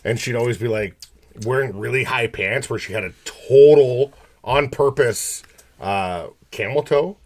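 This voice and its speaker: A man's voice: medium pitch, unhurried. A man co-hosting a podcast in casual chat over drinks, telling stories with lots of swearing. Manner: profane, animated storyteller. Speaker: podcast co-host.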